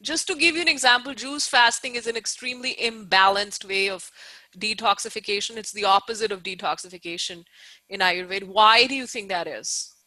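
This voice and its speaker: A woman's voice: medium pitch, brisk, pushed and bright, no room sound, low-quality recording. A woman teacher giving an informal live online lecture, explaining emphatically, repeating key points and often checking that listeners follow.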